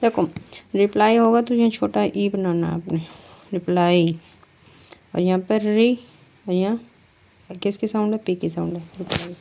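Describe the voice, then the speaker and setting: Slow, gravelly-voiced woman teaching shorthand. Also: mid-range voice, steady tone, dark tone, dull audio, slight background noise. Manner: slow, patient, asks students questions then answers; drags out words while writing. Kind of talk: step-by-step shorthand lesson.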